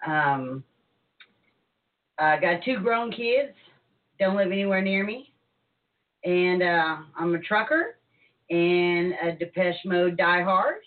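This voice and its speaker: A woman's voice: fairly low pitch, takes it slowly, long pauses. A middle-aged woman from Southern California chatting casually as a guest on a show. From Southern California, United States. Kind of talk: casual chat. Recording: distant, tinny phone-like sound.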